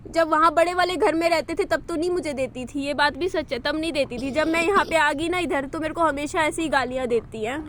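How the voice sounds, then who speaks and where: A young woman with a high, light voice pours out her troubles to the camera in a personal vlog. She sounds tearful and distressed but keeps confiding. It was recorded outdoors in a park, with faint outdoor ambience behind her. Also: fairly quick, few pauses, a bit bright, a little hiss or hum. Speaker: vlogger.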